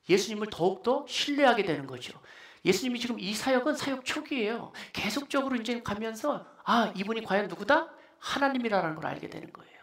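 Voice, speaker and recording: A male pastor preaching a sermon in a church, emphatic and exhorting, at times dropping into quiet asides. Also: high voice. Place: church sanctuary. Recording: echoey church hall.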